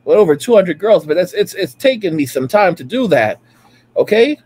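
A man's voice: high-pitched, very animated, normal speed, darkish tone, breathy edge. A man in his late thirties giving a preachy, repetitive rant as a reaction streamer, reacting to clips from home. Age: late 30s. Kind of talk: ranting commentary over clips.

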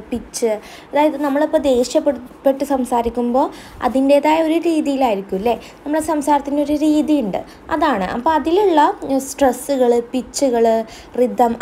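A young woman tutor with a Kerala accent and a high voice. She reads definitions slowly, one word at a time, then explains them quickly and keeps checking in with the listener through questions. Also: mellow, slight background noise. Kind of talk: exam-prep lecture.

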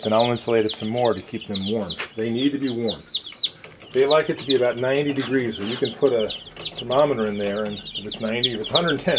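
Out on a farm among pens and a concrete patio, a man at medium pitch gives a folksy, unscripted how-to demonstration, explaining things plainly and casually. Loud bird chirps, clucking and clicks fill the noisy recording.

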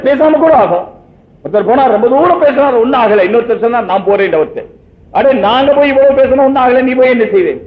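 A man delivers an Islamic sermon in a conversational, storytelling way, full of rhetorical questions. His voice sits very high for a man. The recording is lo-fi and phone-like, with strong room echo. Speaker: Islamic preacher.

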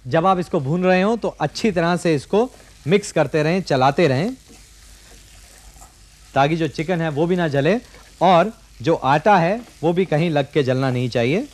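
A man in his forties with a fairly high voice walks viewers through a recipe on a studio kitchen set. He explains each step patiently and speaks straight to the audience. His voice is picked up close by a clip-on mic. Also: unhurried. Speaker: TV cooking show host. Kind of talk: cooking demonstration.

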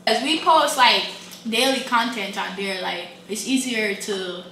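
A woman's voice: on the high side, a little slow, sharp tone, recorded from a distance. A young woman co-hosting a food vlog in a casual, slangy, laid-back way. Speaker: vlog co-host. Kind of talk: casual chat. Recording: echoey room, off-mic, background noise.

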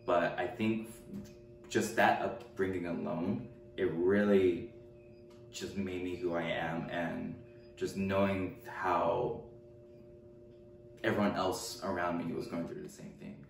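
Slow and low-pitched with vocal fry, a twenty-something man from Richmond, California, answers documentary questions at home in a level tone, pausing often and stumbling through fillers and restarts. He's seated, picked up by a far camera mic. The audio has roomy echo, faint hum and faint music behind.

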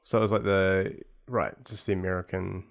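Gravelly young man asking questions. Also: sits low, little pitch movement, moderate pace. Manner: curious questioner with dry jokes. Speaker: podcast host. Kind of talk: casual podcast interview. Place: small home podcast studio. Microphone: studio boom mic with headphones.

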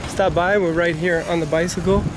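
A man reporting on a sports story from a bicycle on a city street at night, in quick upbeat promotional patter. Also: sits high, fairly even intonation, very noisy.

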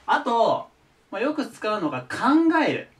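A man's voice: high voice, huge pitch swings, a little slow, far from the mic. A man teaching English verbs to students, patiently repeating each word form. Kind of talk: explaining English vocabulary to students.

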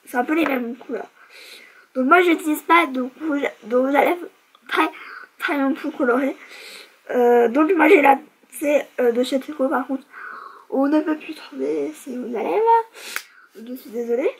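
A woman's voice: sits high, unhurried, slight background noise, low-quality recording. A young woman vlogger chatting casually through a beauty product review, chatty and self-mocking, with lots of fillers.

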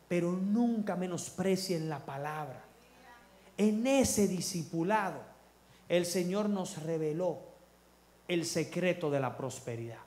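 A man's voice: high-pitched, echoey room. A man giving a fervent church testimony, calling the congregation his brothers.

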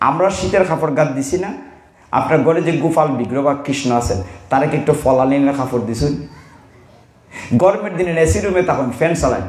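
A man's voice: fairly high pitch, darkish tone. Echoey preaching man. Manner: teasing, folksy preaching with slow Sanskrit recitation. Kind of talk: devotional sermon. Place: devotional gathering hall. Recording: roomy hall echo.

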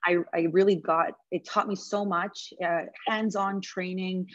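A woman's voice: fairly low pitch, steady tone, measured pace, no room sound. A woman in her late twenties from Montreal, a news reporter speaking as a guest to journalism students over a video call, talking in a conversational way with many fillers and restarts. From Montreal, Canada. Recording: dull dry video-call audio.

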